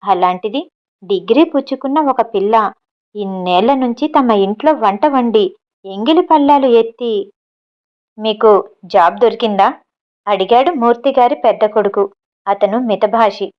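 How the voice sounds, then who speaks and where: Woman storyteller with a fairly high voice. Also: normal speed, dull audio. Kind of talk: audiobook story narration.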